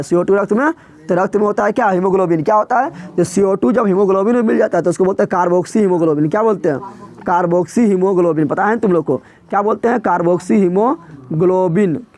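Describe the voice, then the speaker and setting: Guy teacher, pretty high voice, keeps asking the class the same question over and over, chatty lecture. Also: darkish tone. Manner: drills students with repeated quiz questions; colloquial, emphatic explaining.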